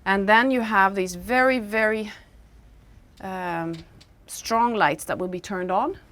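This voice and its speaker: A woman guiding visitors through a crash lab, explaining procedures in a friendly, clear, instructive way. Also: mid-range voice, takes it slowly, a bit bright.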